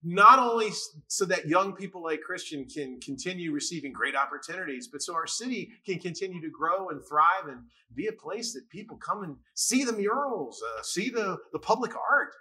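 A man's voice: sits high, lively intonation, normal speed, hardly any pauses, pushed and bright. A man co-hosting an arts awards show, upbeat and jokey as he makes a fundraising appeal.

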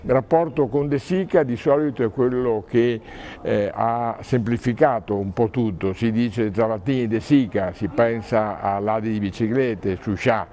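A man being interviewed about an exhibition he curated, speaking reflectively and thinking aloud with pauses. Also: medium pitch, warm tone. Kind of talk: interview answer.

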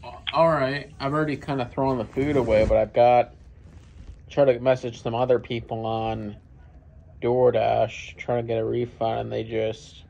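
Gravelly, rambling man on a call. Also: mid-range voice, level tone, normal speed, dark tone. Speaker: prank caller. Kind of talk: casual phone complaint. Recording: faintly noisy phone-camera recording.

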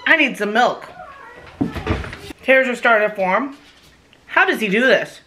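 A middle-aged woman vlogs from her kitchen with her mouth burning from spicy food. Her voice is highish and very animated, and she takes her time. She exclaims in short pained remarks as her nose runs. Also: unhurried. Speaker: vlogger doing a hot chip challenge. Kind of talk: casual reaction vlog to camera. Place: home kitchen. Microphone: camera across the table.

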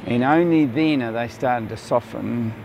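A man's voice: mid-range voice, moderate pace, vocal fry, darkish tone, a little hiss or hum. An older man from New Zealand, an orchard owner, explaining kiwifruit growing outdoors in an interview, plainly and with fillers. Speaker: orchard owner and company founder. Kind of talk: on-camera interview.

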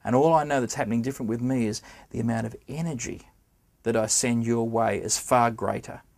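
A middle-aged man explaining how to play the trumpet in an easy, conversational teaching voice. He talks straight to the listener and keeps asking them questions. His pitch sits in the middle of the range. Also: steady tone, fairly quick, gravelly, a little mellow. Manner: conversational, addresses the viewer directly with questions. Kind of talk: spoken music lesson to camera.

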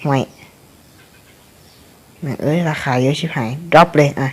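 A man's voice: on the high side, unhurried. A young man casually commentating his own gameplay, rambling and cursing at the game with frequent chuckles.

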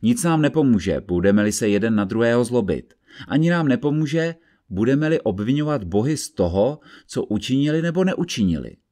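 A man voicing a calm, methodical investigator who explains his reasoning step by step in an audiobook reading. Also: medium pitch, close to an everyday voice. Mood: measured.

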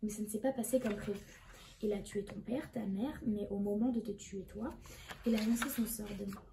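A woman's voice: medium pitch, normal speed, vocal fry, mellow, close to an everyday voice. A woman reading the lines of an old, mysterious wand-seller man, hesitant at times. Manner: hesitant, restarts. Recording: echoey room with background noise.

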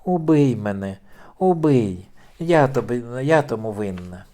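A man's voice: mid-range voice, lively intonation, measured pace, dark tone, natural voice. A man voicing a distressed middle-aged noblewoman, pleading and tearful, in an audiobook reading.

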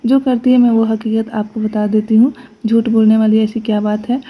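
Woman, young adult, village vlogger, flat delivery, earnest, explaining to viewers. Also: on the high side, normal speed, husky, muffled recording. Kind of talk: casual voice-over vlog.

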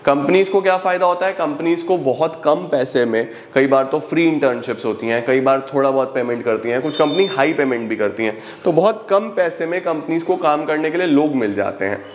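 A man teaching an exam-revision lesson, lively and repetitive, posing rhetorical questions and slowing right down to dictate definitions. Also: a little high, slight background noise. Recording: echoey room.

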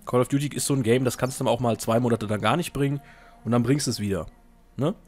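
A man's voice: medium pitch, fast, darkish tone. A young man casually chatting while playing and answering viewer questions, joking at his own expense. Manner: chatty, self-mocking, jokey. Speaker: let's play host. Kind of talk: casual gaming commentary.

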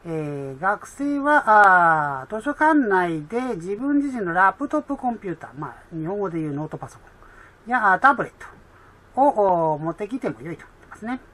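A woman explaining an English exam in a chatty way with many fillers, reading English lines slowly and. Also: medium pitch, sing-song, fairly bright tone.

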